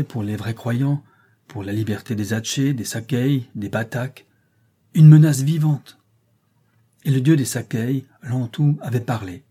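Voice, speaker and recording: A man's voice: mid-range voice, warm tone, husky. A man reading an adventure novel aloud with dramatic emphasis. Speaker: audiobook narrator.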